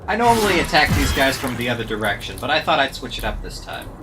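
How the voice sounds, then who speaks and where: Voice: medium pitch, sing-song, quick pace. A streamer giving wry, self-mocking running commentary while playing a game live. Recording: game music playing underneath. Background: game music and sound effects.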